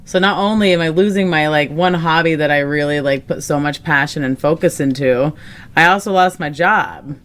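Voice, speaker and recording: A woman's voice: low voice, moderate pace, fairly bright tone. A young woman co-hosting a casual podcast chat, rambling with lots of fillers and frequent laughs. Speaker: podcast co-host.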